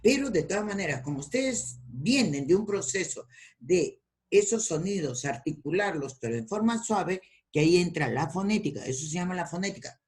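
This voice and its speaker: A woman lecturing students in an online class, with a deep, low-toned voice and a teacherly way of asking questions and answering them herself. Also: expressive, moderate pace, a little mellow. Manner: teacherly, asks and answers her own questions. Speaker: university lecturer.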